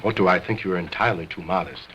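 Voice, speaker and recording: A man's voice: deep voice, quick pace, dull audio, background noise, close to an everyday voice. An actor playing an egocentric, stern stage ventriloquist who talks in a grandly formal showman's manner, in an old 1929 film. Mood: pompous. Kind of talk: 1920s stage and film acting. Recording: vintage 1929 film soundtrack.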